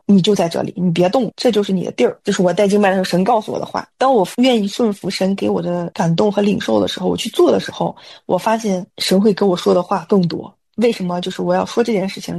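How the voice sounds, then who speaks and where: A woman tells a lively story about her family and her faith, quick and chatty, sometimes acting out what her relatives said. Her voice is gravelly and a little husky. She speaks in an everyday conversational way. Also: fairly low pitch. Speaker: church worship leader. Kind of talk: testimony in casual conversation.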